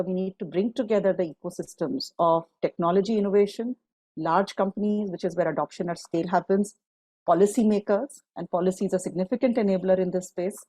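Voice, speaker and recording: A woman's voice: mid-range voice, mellow, dry recording, rough recording. A woman, a guest on a panel discussion, speaking fluently and laying out her points in long lists. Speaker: guest panelist, climate fund partner.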